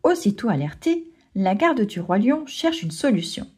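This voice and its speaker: A woman narrating a children's storybook aloud in an expressive way. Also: mid-range voice, moderate pace, slightly rough. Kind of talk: storybook reading.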